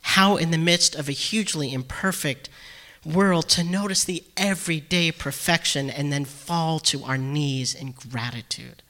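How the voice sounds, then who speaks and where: A male minister delivers a sermon at an unhurried, deliberate pace, pausing often between phrases. His voice is bright and clear, sitting a little high for a man, and his tone stays reflective throughout. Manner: slow, reflective delivery with long pauses.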